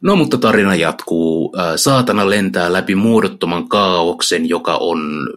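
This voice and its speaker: A man's voice: deep voice, a bit bright. A man casually retelling an epic poem, enthusiastic and slangy with frequent filler sounds. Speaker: literature explainer.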